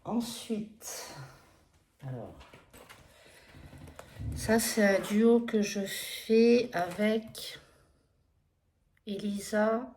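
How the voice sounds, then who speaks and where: A woman with an accent talks slowly through a relaxed stitching update, hesitant and apologetic and full of little fillers. Her voice sits at a middle pitch. A faint hiss runs under the recording. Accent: non-standard accent in French. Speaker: cross-stitch vlogger. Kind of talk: casual flosstube progress update.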